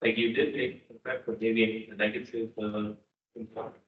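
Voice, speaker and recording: A man's voice: lowish voice, little pitch movement, moderate pace. A man in the audience asking a hesitant question. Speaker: audience member. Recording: echoey hall, distant phone-like sound.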